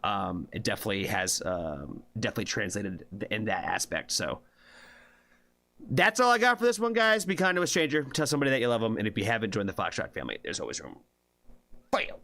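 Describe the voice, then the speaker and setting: Very animated and quick, a man with a lowish, bright, forceful voice hosts a music reaction livestream. Still, his manner is laid-back and rambling, heavy on fillers and profanity, with a habit of asking "you know what I mean?" in casual stream chat.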